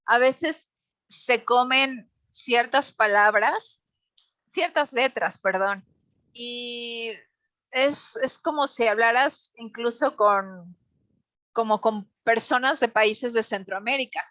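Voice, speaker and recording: A woman's voice: fairly high pitch, slow pace, a bit bright, no echo. A woman with a central Mexican Spanish accent, chatting as a guest and explaining things carefully with examples. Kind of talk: casual chat.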